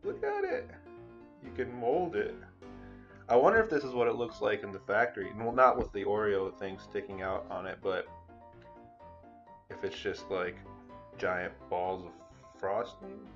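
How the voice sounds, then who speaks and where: A man's voice: on the low side, normal speed, pauses often, a bit bright, dull audio, soft background music. A man vlogging casually at home, rambling and swearing while he talks to viewers as he works with food. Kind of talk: casual vlog commentary while cooking. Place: home room with cat hair around.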